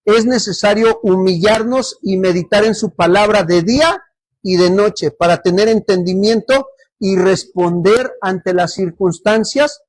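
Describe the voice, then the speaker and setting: A man with a high voice preaches a sermon as pastor during a church service, often putting questions to the congregation for them to answer. The recording is dry.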